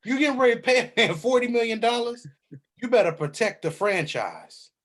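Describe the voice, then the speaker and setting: A man's voice: very high-pitched, lively intonation, fairly quick. A man on a sports talk panel, confidently breaking down draft picks.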